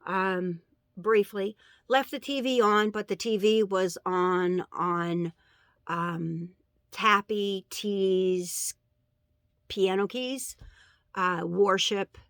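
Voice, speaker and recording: A woman recounting a dream in a casual religious testimony, halting and earnest, with many fillers and pauses. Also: medium pitch, fairly bright tone, no echo, clean studio sound. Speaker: vlogger sharing a dream.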